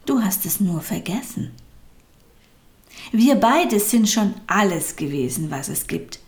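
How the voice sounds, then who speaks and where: Brief: woman doing a loving storybook soul, hushed and tender, swooping up with feeling, slow. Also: mid-range voice, very animated. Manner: tender, softly whispered, rising with feeling. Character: kind, loving soul, warm and devoted.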